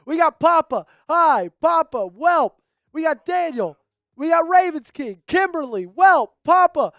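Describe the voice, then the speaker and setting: A man hosting a live-streamed sports talk show, upbeat and rattling off shout-outs to viewers. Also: very high-pitched, animated, measured pace, no echo. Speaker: host.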